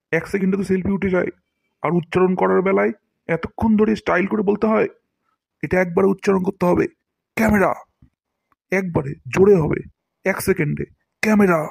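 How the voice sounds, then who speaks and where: A man playing a self-important cartoon teacher who scolds his pupils and hams up every word he demonstrates. His voice sits a little high for a man, recorded close and dry with no room sound. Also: vocal fry, darkish tone, breathy edge, no room sound, full character voice. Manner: pompous, scolding, theatrical demonstrations of words. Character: boastful, scolding male English teacher. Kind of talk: cartoon voice acting.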